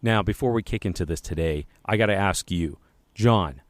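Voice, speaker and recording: A man co-hosts a podcast in a low, dry-sounding voice. He is upbeat and enthusiastic, chatting casually and leaning on fillers like "uh" and "you know.". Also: moderate pace, dry recording. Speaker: podcast co-host. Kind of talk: casual chat.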